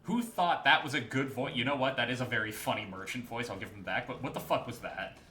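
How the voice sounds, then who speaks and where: A man's voice: mid-range voice, fast, sharp tone, echoey room. A man giving casual, sardonic and profane commentary as he plays a video game.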